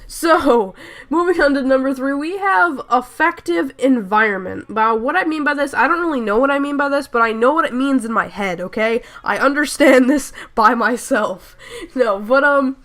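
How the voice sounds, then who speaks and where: Talking at normal speed in a high, slightly bright voice, the young gaming YouTuber is clearly congested, with a stuffy nose and sore throat. Her casual commentary voice-over wanders chattily, and she keeps using fillers and correcting herself.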